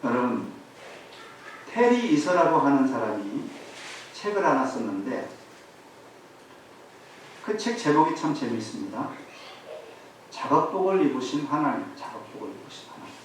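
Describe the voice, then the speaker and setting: A male pastor preaching a sermon to his congregation, telling a story in an animated way and asking the listeners rhetorical questions. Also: medium pitch, unhurried, long pauses, far from the mic. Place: church sanctuary. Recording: very echoey hall, voice off-mic, faint hiss.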